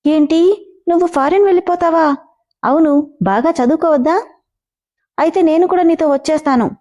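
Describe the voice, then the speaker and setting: Woman narrator playing a sweet devoted girl; naive, eager, pitched up. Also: normal speed, warm tone. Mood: anxious. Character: innocent, devoted little village girl.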